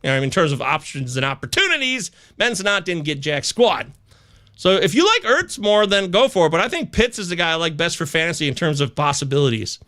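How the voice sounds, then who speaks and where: A man's voice: a little high, very animated, brisk, pushed and bright. A man hosting a casual live sports advice chat, stoned, talking in a laid-back stoner drawl with stretched words and repeating himself for emphasis. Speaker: host of a fantasy football advice live chat. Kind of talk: casual live chat commentary, answering viewers' questions.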